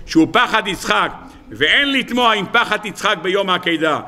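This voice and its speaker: Rabbi giving a sermon: a man with a high, bright voice, lively storytelling with plenty of rhetorical questions. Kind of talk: Torah sermon. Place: lecture hall.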